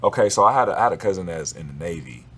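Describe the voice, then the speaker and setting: A man talking as a guest in a relaxed, casual conversation, slangy and swearing freely. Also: sits low, rapid-fire, slight background noise. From Los Angeles area.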